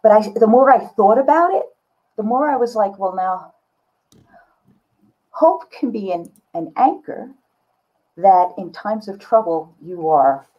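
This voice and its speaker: At a measured pace and with frequent pauses, an older woman artist speaks in an animated, medium-pitched voice as a guest in a video-call interview. She's casual, candid and reflective, sitting indoors in a book-lined home studio, and the call audio is slightly dull.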